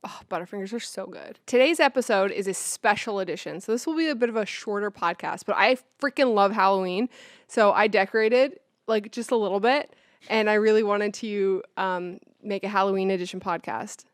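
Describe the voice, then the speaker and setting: Woman co-host, excitable and foul-mouthed, middling pitch, dry close sound. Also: a little fast, no echo. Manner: excitable, swears freely, laughs often. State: sweating in a costume. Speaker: podcast co-host. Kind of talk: casual chat.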